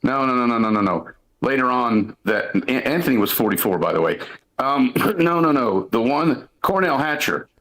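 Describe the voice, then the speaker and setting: A man's voice: medium pitch, animated, moderate pace, a bit bright, rough recording. Rambling man talking sports. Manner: rambling, storytelling, frequent restarts and "listen". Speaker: sports talk show co-host, former coach. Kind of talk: casual sports talk.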